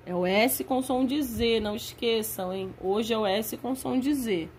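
A woman teacher giving a lesson to young children, spelling out words slowly and stretching them out. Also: on the high side, darkish tone, a little hiss or hum. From Brazil. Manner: slow, drawn-out spelling of words.

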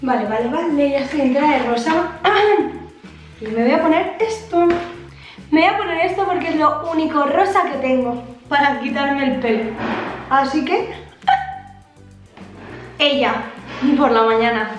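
A young woman with a Spain Spanish accent, chatting casually and excitedly to her viewers as a vlogger. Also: high voice, a little slow, long pauses. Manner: chatty and exclamatory. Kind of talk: casual chat to camera. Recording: very echoey room, faint music.

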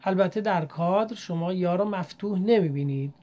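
A woman teaching Quran reading, speaking politely and formally to learners and drawing out each demonstrated syllable in a measured way. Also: fairly low pitch, dark tone. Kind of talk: recitation lesson.

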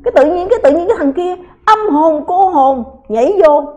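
Female talk host with a high voice who rants hotly and combatively at her audience. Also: lively intonation, brisk, darkish tone, dull audio. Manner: combative, ranting, many repeated words. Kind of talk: heated talk to viewers.

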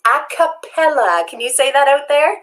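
A woman's voice: high voice, expressive, moderate pace, fairly bright tone, rough recording. A woman co-hosting a live children's sing-along from home, cheerful and encouraging, speaking like a teacher. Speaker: children's music co-host.

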